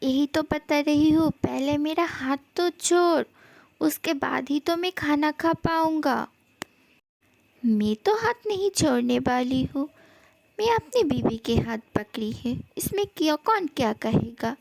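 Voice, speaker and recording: A woman's voice: high-pitched, animated, a little slow, creaky, darkish tone, dry recording. A woman reading a fan love story aloud, giving every character's lines in much the same voice.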